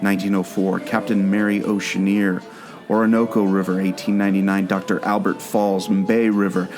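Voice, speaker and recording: This podcast co-host, formerly a theme park skipper, has a low-sitting voice and a flat delivery at a moderate pace. Plucked guitar plays behind him as he earnestly explains a mystery in a scripted audio play, leading his listener on like a storyteller.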